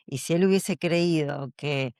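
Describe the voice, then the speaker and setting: A woman, a communication coach answering interview questions in an animated, storytelling way. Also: deep voice, measured pace, no echo, clean studio sound.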